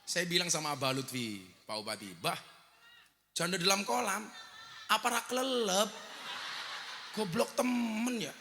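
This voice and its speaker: A man's voice: high voice, a little slow, vocal fry, long pauses, sharp tone, in a large hall, slight background noise. A man preaching a humorous live sermon, teasing the crowd and breaking into sung prayers.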